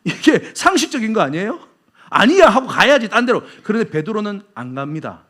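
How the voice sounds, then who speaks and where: A man's voice: sits high, big pitch swings, a little fast, a bit bright. A male pastor with a Busan Gyeongsang accent, preaching a sermon and putting rhetorical questions to his congregation. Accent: Busan Gyeongsang Korean. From Busan, South Korea.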